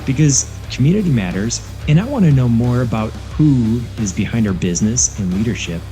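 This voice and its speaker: A man reading a scripted podcast intro in an earnest, read-aloud way. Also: on the low side. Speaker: podcast host. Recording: intro with faint music beneath. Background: soft background music.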